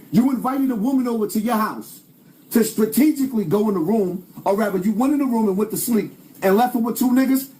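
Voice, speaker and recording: Man, high voice, commentator ranting to camera, emphatic and preachy, repeats his points. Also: warm tone. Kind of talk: direct-to-camera rant.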